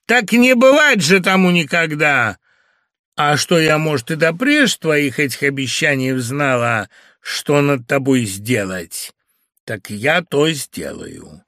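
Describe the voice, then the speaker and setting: A man's voice: expressive, slow pace, pushed and bright, no room sound, clean studio sound, heavily acted. A man voicing a brazen, taunting merchant's wife. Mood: mocking triumphant. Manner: taunting, shrill and mocking. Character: brazen, defiant young merchant's wife, woman.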